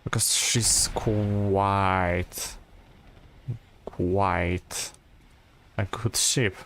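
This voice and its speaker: Slow, low-voiced man chatting over gameplay. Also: slight background noise. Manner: relaxed, rambling, many fillers and restarts. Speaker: gameplay streamer. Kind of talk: casual gameplay commentary.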